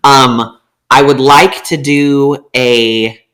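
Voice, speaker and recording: A woman's voice: rumbling low, fairly even intonation, very slow, fairly bright tone. A woman co-hosting a podcast, telling a story in casual, profane chat and acting out what people said. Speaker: podcast co-host.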